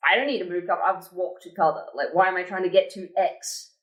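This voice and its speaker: A woman's voice: fairly low pitch, fairly even intonation, quick pace, a bit bright. A woman player chatting casually after a game session, rambling with many fillers. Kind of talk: casual post-game chat.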